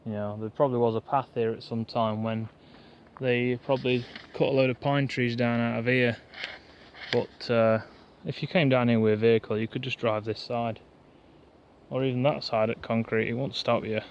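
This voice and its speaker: A man chatting fast and rambling to the camera in a pine woodland, like a bushcraft vlogger. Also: medium pitch, flat delivery, a little hiss or hum. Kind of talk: casual rambling chat to camera. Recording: dull lo-fi outdoor recording, faint woodland ambience.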